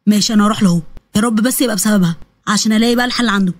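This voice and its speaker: A woman's voice: mid-range voice, rapid-fire, no room sound, voice pushed down, close to an everyday voice. A woman with an Egyptian accent voicing a shy, flustered young man who blurts out the truth. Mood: pleading. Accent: Egyptian Arabic. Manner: pleading, flustered.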